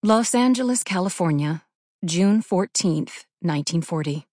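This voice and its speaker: A woman narrating an audiobook in a measured, even reading. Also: fairly low pitch, no echo, clean studio sound. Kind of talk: scripted narration.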